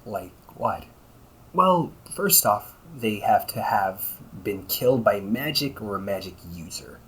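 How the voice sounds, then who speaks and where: Taking it slowly in a lowish, expressive voice with a fairly bright tone, a man plays a weary, cocky vampire brother who is centuries old yet sounds young. Casual and explanatory, he grumbles with dry sarcasm and chuckles a lot in a one-sided conversational roleplay. Audio quality is poor.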